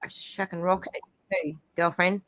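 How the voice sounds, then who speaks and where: A woman's voice: fairly low pitch, fairly even intonation, moderate pace, fairly bright tone, a little hiss or hum. A woman on a video call, chatting casually on a livestream panel with giggly, reactive interjections. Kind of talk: casual chat.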